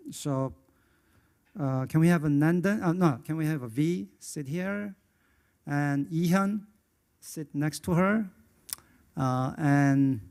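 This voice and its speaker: A man's voice: on the high side, creaky, a little mellow, clear, resonant tone. A man from Indonesia moderating a conference panel, hesitant and full of filler sounds.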